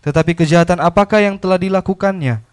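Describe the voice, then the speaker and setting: A man reading scripture aloud in church, steady and measured. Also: high voice, clear, resonant tone. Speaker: scripture reader.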